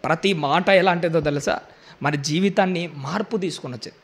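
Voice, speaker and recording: A man's voice: a little high, brisk. A man preaching a sermon with emphasis, often putting questions to his listeners.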